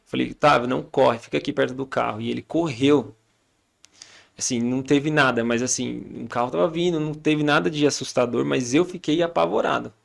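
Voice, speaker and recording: A man with a Brazilian Portuguese accent talks fast and animatedly as a podcast guest. His voice is strongly gravelly with heavy fry. He tells family stories and plays out each side of the dialogue, at a middle pitch. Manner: storytelling, acting out family dialogue. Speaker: podcast guest, father and church leader. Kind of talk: casual chat.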